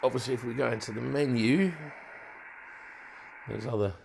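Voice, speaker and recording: With vocal fry in his mid-range voice and a moderate pace, a hobbyist walks through a hands-on demo of modified radio gear. The informal presentation is hesitant and thought aloud, often trailing off, against a noisy background.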